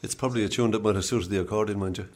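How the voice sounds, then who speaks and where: Casting: male podcast interviewer, fairly low voice, conversational. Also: fairly even intonation, racing, slight background noise.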